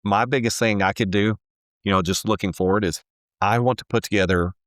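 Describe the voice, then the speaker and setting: A man in his forties with a deep voice answers questions in an earnest, halting way, restarting sentences as he goes. The sound is dry and close, with no room behind him. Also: steady tone, no room sound. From Texas. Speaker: home builder, guest. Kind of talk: casual interview answers.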